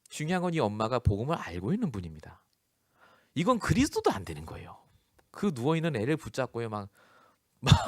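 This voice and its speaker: A man's voice: on the low side, no echo, studio quality. A male pastor delivering a storytelling sermon, acting out the people he quotes and laughing often. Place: church.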